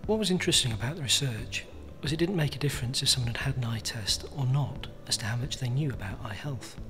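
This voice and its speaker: A man's voice: mid-range voice, lively intonation, fast. A man speaking as a charity spokesperson, formally explaining research findings. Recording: soft music bed behind the voice.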